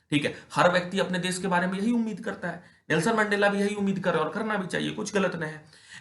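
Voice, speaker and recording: Young male teacher, fairly high voice, reads slowly and explains emphatically. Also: sharp tone, echoey room. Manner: reads English lines slowly, then explains with rising emphasis; quizzes students with rhetorical questions. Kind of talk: class lesson explaining an English text in Hindi.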